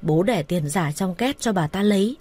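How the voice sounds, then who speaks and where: A woman voicing a calm, shrewd man in his forties who speaks evenly and unbothered. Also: medium pitch, normal speed, slightly rough.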